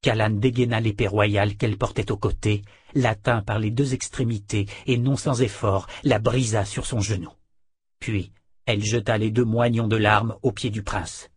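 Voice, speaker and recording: Brief: male storybook narrator, husky, dry close sound. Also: on the low side, steady tone, normal speed, dry recording. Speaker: audiobook narrator. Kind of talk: scripted narration.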